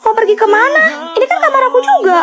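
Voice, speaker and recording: A woman's voice: very high voice, lively intonation, fast talker, heavy background noise. Woman doing a sweet chatty little girl. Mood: friendly. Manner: sweet, friendly.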